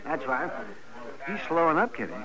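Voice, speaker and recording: Doc, animated crusty frontier physician. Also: male voice, a little high, normal speed, low-quality recording. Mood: wry. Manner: dry, teasing, grumbling. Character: wry, crusty frontier town doctor. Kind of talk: 1950s radio western acting. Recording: old radio recording, busy background chatter.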